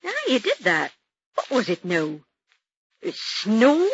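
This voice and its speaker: An actress with a Scottish Highland accent playing a sharp-tongued, blunt middle-aged Highland woman in a radio drama. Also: huge pitch swings, takes it slowly, breathy edge, heavily acted. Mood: brusque. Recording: dull lo-fi radio recording.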